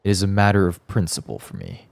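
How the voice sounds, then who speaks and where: A man's voice: sits low, sing-song, quick pace, gravelly, darkish tone, no room sound, exaggerated voice. A man reading a game's lines as an aloof, weary swordsman in a tired, formal voice. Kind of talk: reading game dialogue aloud.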